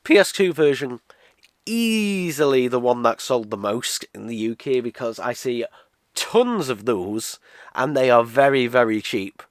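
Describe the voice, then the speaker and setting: A cold leaves this British man in his twenties sounding nasal as he rambles through a casual game unboxing review, restarting and saying uh often. His medium-pitched voice is expressive and a little slow, recorded dry with clean studio sound.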